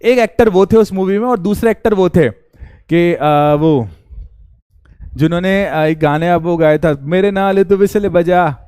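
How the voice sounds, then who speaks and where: A man's voice: on the high side, measured pace, a little mellow, clear, resonant tone, dry recording, studio quality. A man teaching an online science class. He jokes and teases his students, sings snatches of songs, and asks questions that he answers himself. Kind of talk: live class lecture, joking with students.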